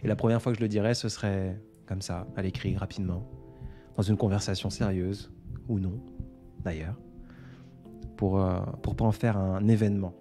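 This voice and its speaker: Soft-spoken reflective man, low mellow voice. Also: fairly even intonation. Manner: reflective, unhurried, with frequent hesitations. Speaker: poet and author on a live stream. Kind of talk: casual live-stream chat. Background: faint background music.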